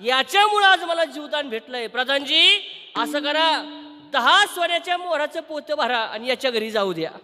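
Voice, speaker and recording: A man's voice: extremely high pitch, animated, moderate pace, sharp tone, long reverb tail, heavily acted. A man voicing a grateful king who gives orders to his court in a commanding way.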